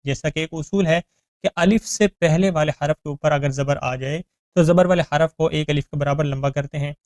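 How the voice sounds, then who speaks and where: A man with a smooth, clear, fairly high voice teaches Quran reading. He explains the rules plainly and spells out letters syllable by syllable. The sound is dry and close, with no room echo. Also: darkish tone. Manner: explains rules in plain talk, then recites verses slowly and melodiously. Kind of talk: Quran recitation lesson.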